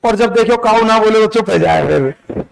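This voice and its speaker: A man with a high, clear voice teaching a class in a classroom. He talks in a chatty, teasing way with his pupils as he tells the history lesson. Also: lively intonation, moderate pace, low-quality recording.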